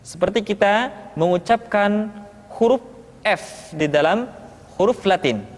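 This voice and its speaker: A man teaching Quran letter pronunciation, drilling syllables slowly and chanting practice lines. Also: sits high, expressive. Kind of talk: slow instructional pronunciation lesson. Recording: long hall reverb.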